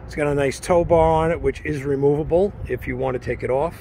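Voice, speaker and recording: Off camera in an open parking lot, a man walks around a vehicle for sale and describes it in short, matter-of-fact, list-like phrases. His voice is a little high, brisk and gravelly, with a dark tone. The handheld camera or phone audio picks up outdoor noise.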